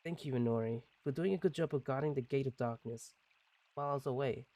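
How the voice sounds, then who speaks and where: A man voicing a young, kind prince, reading his lines in a gentle, courteous way while playing a game. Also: medium pitch, fast talker, no room sound, close to an everyday voice.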